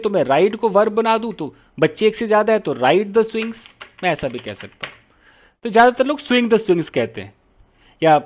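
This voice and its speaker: Man, teacher, high voice, repeats each phrase, keyboard typing behind. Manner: explains step by step, repeating phrases while typing. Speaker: English teacher. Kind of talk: Hindi-medium writing lesson, translating sentences.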